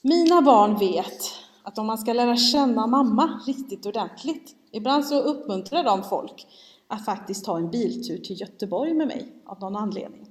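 Svensk kvinna som predikar i en kyrksal. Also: female voice, a little high, animated. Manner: candid storytelling, self-mocking. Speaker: preacher. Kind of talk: sermon. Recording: long hall reverb.

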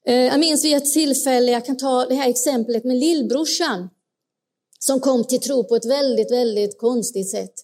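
Woman, sermon, earnest, direct questions to listeners, somewhat high pitch. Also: darkish tone. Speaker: preacher.

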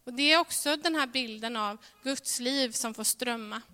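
A woman preaching a sermon in a church, earnest, moving between ringing emphasis and hushed softness. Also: fairly high pitch. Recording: reverberant hall sound.

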